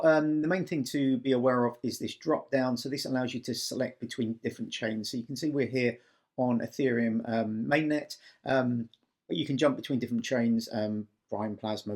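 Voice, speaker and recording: A man's voice: mid-range voice, gravelly, husky. A man giving a casual, step-by-step screen-recording walkthrough in an explanatory manner as a tutorial presenter.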